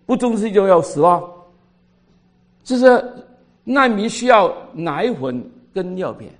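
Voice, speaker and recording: An older man with a Cantonese accent, telling a story in a sermon, voice swinging between loud and quiet. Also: high-pitched, expressive, unhurried. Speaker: pastor.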